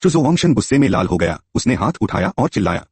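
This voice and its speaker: A man's voice: lowish voice, big pitch swings, quick pace, vocal fry, a little mellow, breathy edge, no room sound. A man narrating a story in a scripted telling and voicing its characters himself.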